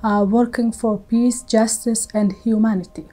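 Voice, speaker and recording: A woman in her forties with an Afghan accent, speaking as an activist in an interview, earnest and halting with frequent fillers. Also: on the high side, steady tone, dark tone, poor audio. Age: 40s. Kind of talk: interview testimony. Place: bright indoor room with plants.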